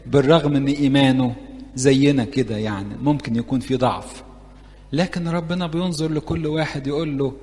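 A man's voice: mid-range voice, a little fast, darkish tone. A man with an Egyptian Arabic accent preaching an interactive sermon to young people, chatty and playful, often putting questions to his audience. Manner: conversational, playful, keeps asking the audience questions. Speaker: church preacher teaching youth. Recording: long reverb of a large hall.

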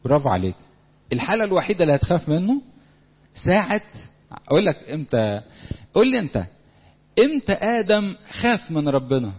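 A man with an Egyptian accent delivers a lively, conversational sermon, slipping into little acted-out dialogues. His voice sits a little high and husky, and he talks fast. The recording is dull and lo-fi, with a long hall echo. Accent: Egyptian Arabic. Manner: lively, conversational, acts out quotes. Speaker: preacher. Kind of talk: sermon to young people.

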